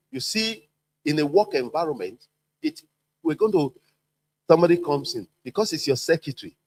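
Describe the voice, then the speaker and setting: Man trainer, high-ish and very animated, repeats points and acts out quotes. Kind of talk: workplace training talk.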